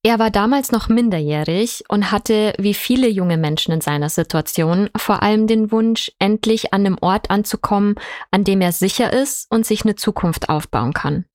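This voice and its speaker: A woman narrating a report in a calm, explanatory way. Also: medium pitch, moderate pace, no echo, clean studio sound. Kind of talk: scripted narration.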